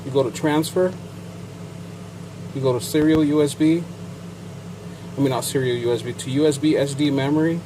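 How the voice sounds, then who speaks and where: In a casual how-to demo, a certified payment terminal technician with a Chicano Mexican-American accent, bilingual in English and Spanish, rambles through a technical setup with fillers and side comments. His pitch is fairly high and his tone steady at normal speed, pausing often against background noise.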